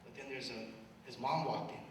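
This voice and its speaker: A man in his thirties, originally from Cambodia, speaks to young people from a distance across a big hall. His voice carries a long reverb, with steady noise underneath. He talks earnestly and presses his points with tag questions. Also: mid-range voice, a little fast. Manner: earnest, building to loud urgent appeals, leaning on tag questions. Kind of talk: personal story and motivational talk. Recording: echoey hall, distant mic, background noise.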